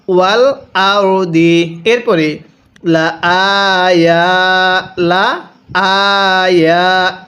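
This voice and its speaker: This Quran reading teacher, whose voice sits high, speaks with a Bangladeshi Bengali accent. Each rule gets a patient explanation, followed by a slow recitation of the words with drawn-out sounds.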